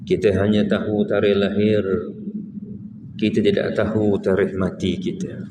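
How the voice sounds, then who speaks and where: A man in his fifties with a Malaysian Malay accent delivers a mosque lecture in a somewhat low voice. He speaks in measured phrases and keeps turning rhetorical questions back to his listeners. The recording carries a clear layer of hall ambience beneath him. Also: noisy background. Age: 50s. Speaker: preacher.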